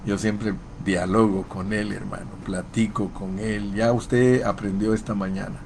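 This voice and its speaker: Male pastor, unhurried sermon delivery, folksy and chanting, faint noise behind. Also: lowish voice, steady tone, creaky, a little mellow. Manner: folksy, addresses listeners as brother, chants short phrases.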